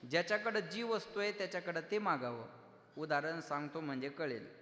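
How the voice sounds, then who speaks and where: A man preaching a kirtan sermon, loudly declaiming, acting out dialogue and breaking into sung verses. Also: on the high side, a little fast. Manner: loud, declaiming, acts out dialogue, breaks into song. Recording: echoey hall with music.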